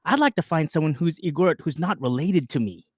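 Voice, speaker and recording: A man from the United States co-hosting a casual talk show, relaxed and loose with many fillers, speaking over a remote call. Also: fairly high pitch, fairly quick, breathy edge, no room sound, clean studio sound. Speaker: podcast co-host. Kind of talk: casual chat.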